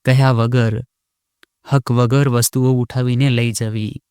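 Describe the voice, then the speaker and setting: A haughty rich young wife, as a male storyteller puts her on, her sharp, taunting voice jumping high as she scolds. She speaks at a middling pitch and sounds close and dry, with no room around her. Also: flat delivery, measured pace, smooth, dry recording, natural voice. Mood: scornful.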